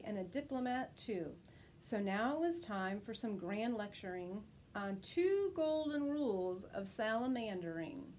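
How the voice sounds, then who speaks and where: A woman teacher with a mid-range voice reads a rhyming children's picture book aloud expressively, raising her voice for the quoted characters. The recording is low quality with slight background noise.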